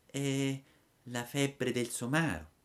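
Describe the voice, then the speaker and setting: A man voicing a wise, gentle female marmot who speaks slowly and softly. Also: steady tone, clear, resonant tone, natural voice. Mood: sorrowful. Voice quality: soft, slow and low.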